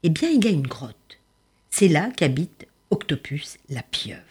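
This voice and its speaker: A woman voicing a calm, wise starfish who gives advice in a soft, hushed, confiding way in a storybook tale. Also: mid-range voice, normal speed, husky, voice pushed up. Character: calm, wise old sea star giving quiet advice.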